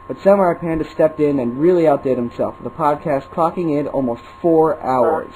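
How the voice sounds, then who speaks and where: A man's voice: a little high, brisk, a little mellow, a little hiss or hum, low-quality recording. A man reading a scripted countdown entry in an earnest, explanatory way. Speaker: co-creator of the video. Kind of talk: scripted voice-over.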